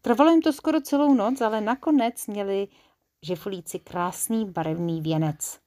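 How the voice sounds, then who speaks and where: A woman's voice: medium pitch, dark tone, dry recording. Woman reading a bedtime story.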